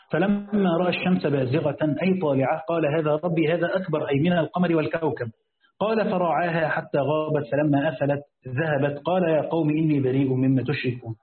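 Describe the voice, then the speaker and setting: A man with an Egyptian accent, a sheikh reading a classical Quran commentary aloud and explaining it in casual asides. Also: on the high side. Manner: switches between formal reading and casual asides, thinking aloud. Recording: echoey, phone-like, faint hiss.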